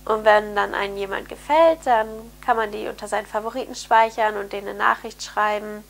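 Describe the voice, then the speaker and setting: A young adult woman, a vlogger working as an au pair, chats casually to camera in a bright bedroom, recorded on a close-framed camera mic. She has a cold, and her mid-range voice is nasal and slightly hoarse, with some throat clearing. Her delivery is brisk, upbeat and chatty, full of fillers, with fairly even intonation.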